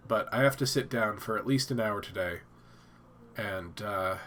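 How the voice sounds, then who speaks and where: A man's voice: lowish voice, normal speed, fairly bright tone, a little hiss or hum. A man hosting a casual live stream from his home office, stuffed up and thinking aloud with many fillers and restarts.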